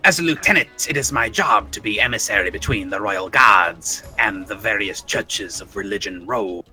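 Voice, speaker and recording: A man's voice: lowish voice, normal speed, pushed and bright, pitched below the performer's own voice. A man voicing a huge, stern dragonborn paladin who speaks formally through his teeth with a hissing reptilian voice, with music underneath.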